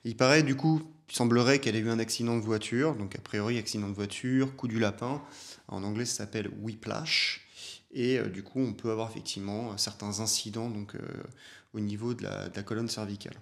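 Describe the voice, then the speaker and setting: A man's voice: fairly low pitch, steady tone, quick pace. Chatty male chiropractor commenting. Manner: chatty, hesitant with many fillers. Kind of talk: reaction video commentary.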